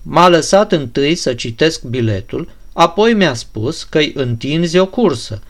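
An unflappable, courteous young prince voiced by a male reader, answering patiently and politely. His voice sits fairly high and stays even in an audiobook scene. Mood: calm. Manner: calm, courteous, even-toned.

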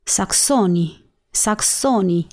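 A woman's voice: medium pitch, lively intonation, a little mellow, natural voice. A woman reading the lines of a feverish dying father who rails with a voice trembling with hate. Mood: feverish raging.

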